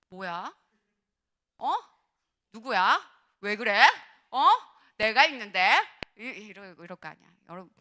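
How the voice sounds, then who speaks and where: A woman pastor preaching a sermon to young adults, asking them direct questions and swinging from soft near-whispers to loud, fervent passages. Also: medium pitch. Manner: talks directly to listeners, asks questions.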